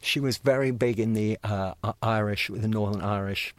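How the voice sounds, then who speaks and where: An older man telling lively stories from his youth in a casual conversation, stammering and restarting as he acts out the voices of people he met. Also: fairly low pitch, moderate pace. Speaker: guest recalling youth in the counterculture.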